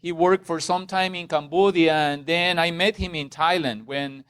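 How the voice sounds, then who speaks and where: A middle-aged man from Ecuador leads a church seminar for a small group in a meeting room. His voice sits high and sounds smooth and clear. The sound is dry and close, with little room echo. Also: fairly even intonation, normal speed, a bit bright. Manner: conversational, checks in with the audience often. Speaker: seminar presenter.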